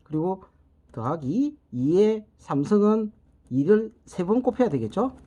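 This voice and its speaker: A middle-aged man teaching binary and decimal conversion, patiently walking through each step and starting phrases with a drawn-out "so". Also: sits high, very animated, warm tone, breathy edge. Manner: patient, repeats "자" and "요렇게" while working steps aloud. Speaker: network technology instructor. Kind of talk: whiteboard math lesson.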